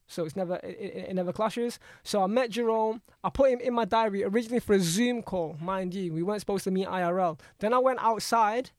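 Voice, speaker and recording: High-voiced man with a London roadman accent. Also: no room sound, studio quality. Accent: London, urban. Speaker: podcast guest, entrepreneur. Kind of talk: casual conversational storytelling.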